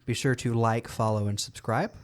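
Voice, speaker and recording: A man's voice: mid-range voice, fairly even intonation, moderate pace. A young man co-hosting a podcast in casual, playful chat, often stumbling and restarting. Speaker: podcast co-host.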